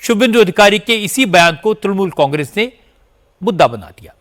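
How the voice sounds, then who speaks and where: A male news anchor reading scripted narration in a steady, formal way. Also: high-pitched, fairly quick.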